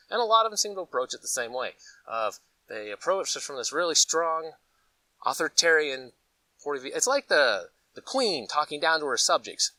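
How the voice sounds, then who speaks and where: A Colorado man who runs a preparedness gear channel talks in a casual, rambling vlog, spinning folksy, animated stories punctuated by acted-out asides. His voice is mid-range. The poor-quality audio was recorded from a distance with no room sound.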